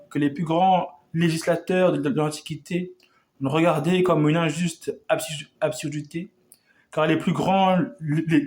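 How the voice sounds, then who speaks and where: A man declaiming a historic revolutionary speech in an oratorical manner, often stumbling and restarting his words. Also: a little high.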